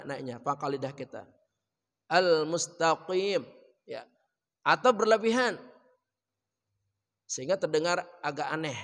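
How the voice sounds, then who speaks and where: A man teaching Quran recitation in a mosque, chanting verses melodically and then explaining pronunciation quietly and quickly, with an Indonesian accent. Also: a little high. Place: mosque hall. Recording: reverberant mosque hall.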